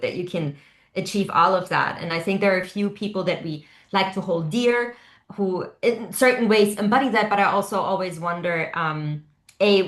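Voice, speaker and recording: A woman from Germany with a fairly low, slightly bright voice speaks off the cuff as a panelist in an impromptu webinar discussion. Recorded in an echoey indoor room over an online video call, she's discursive and often adds "you know" and "right?" tags.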